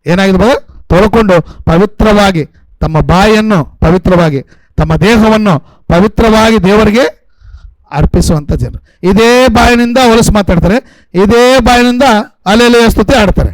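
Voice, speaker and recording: A man with a North Karnataka accent preaching in a church, his voice pitched high and the sound close and dry. He keeps quizzing the congregation and repeats key phrases in call-and-response fashion. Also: measured pace, no room sound, rough recording. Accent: North Karnataka Kannada. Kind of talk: sermon with call-and-response questions. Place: church in a coastal city.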